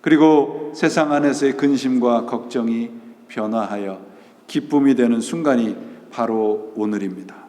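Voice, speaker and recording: A man's voice: mid-range voice, normal speed, a little mellow. A male pastor preaching a Sunday sermon, asking rhetorical questions and answering them himself, and mixing English words into his talk. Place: church sanctuary. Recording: echoey church hall.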